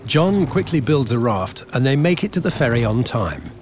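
A man narrating a scripted adventure race story in a dramatic, animated way. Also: medium pitch, moderate pace, slight background noise, lightly acted.

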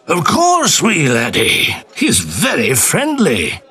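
A man playing a friendly Scottish man with a Scottish accent, speaking slowly and kindly. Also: fairly high pitch, huge pitch swings, bright, forceful tone, breathy edge, exaggerated voice. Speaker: character in a textbook dialogue.

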